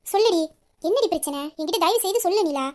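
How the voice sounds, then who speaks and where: A woman's voice: very high voice, expressive, fast, a little mellow. A woman voicing a young woman who keeps pressing her best friend with insistent questions. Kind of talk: audio story reading.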